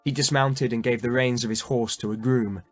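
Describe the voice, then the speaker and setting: A man reading a historical novel aloud in measured, dramatic scripted narration. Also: mid-range voice, steady tone. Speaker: audiobook narrator.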